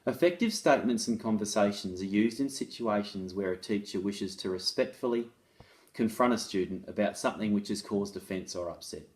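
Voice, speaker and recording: His voice sits on the low side, a little mellow, and moves a little fast. He is an author and presenter on restorative practices in schools who reads a case study aloud and explains it in a conversational, instructive style.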